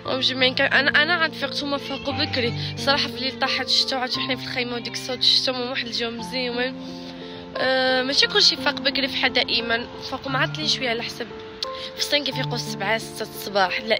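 Young Moroccan woman, travel vlogger, rapid chatty delivery over loud music. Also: high-pitched. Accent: Moroccan Arabic. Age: 20s. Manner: chatty, switching into English phrases. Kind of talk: casual vlog narration. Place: campsite and street market outdoors in China. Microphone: phone at arm's length.

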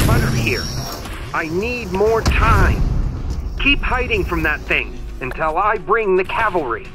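Earnest game sidekick: high voice, helpful brief reports, loud music underneath. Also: male voice, animated, unhurried. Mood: earnest, pressed. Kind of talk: video game character acting.

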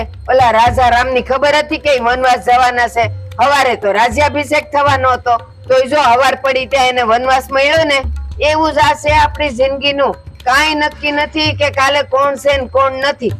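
An older woman with a high-pitched, fairly bright voice plays a domineering mother-in-law who scolds and pushes in a village family drama. Faint music runs behind her.

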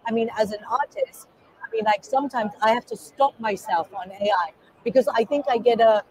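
A middle-aged Kenyan woman, appearing as a guest artist, gives a casual interview at an indoor expo booth, gesturing animatedly as she talks with enthusiasm. Her voice is on the high side and fairly quick, with a crowd audible behind her on a rough recording.

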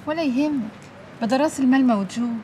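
A woman's voice: high voice, fast talker, darkish tone, slight background noise, lightly acted. An actress playing a loyal Egyptian woman friend who comforts and teases, in a TV drama with a music score. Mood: consoling, teasing. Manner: teasing, soothing.

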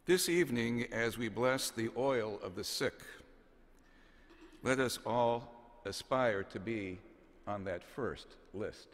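Speaking from notes into a gooseneck pulpit microphone, a bishop in his sixties gives a homily in a vast cathedral. His medium-pitched voice moves in a measured, solemn way, each phrase deliberate and separated by pauses. A long cathedral reverb trails after his words.

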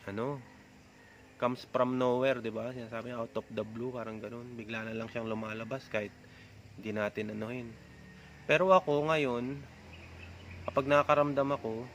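A man's voice: medium pitch, a bit bright, highs cut off, a little hiss or hum. A man talking casually to his audience in a vlog, rambling, with many filler tags at the ends of his phrases. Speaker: vlogger. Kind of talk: casual talk to camera.

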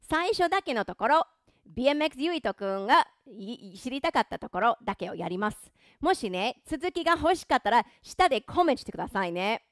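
A woman uses a song to teach English pronunciation, encouraging and playful, and she jokes about her own voice. She speaks fairly quickly in a fairly high, sing-song tone. The studio recording is clean and dry.

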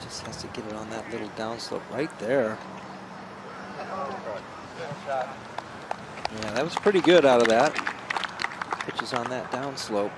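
A man's voice: mid-range voice, a little slow, pauses often. Conversational male golf commentator, noisy outdoor backdrop. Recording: clear outdoor course noise behind.

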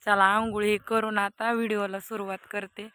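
A woman's voice: mid-range voice, flat delivery, normal speed, pushed and bright, no room sound. A woman vlogging her family's day in a village, chatting with viewers. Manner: chatty, talking to viewers while filming. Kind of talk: casual family vlog chat.

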